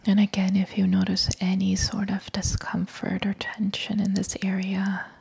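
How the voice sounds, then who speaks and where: A woman whispering a guided body-scan meditation, softly and calmly leading the listener to breathe and let go. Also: medium pitch, creaky, breathy edge. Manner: soft whispering throughout, calm and unhurried.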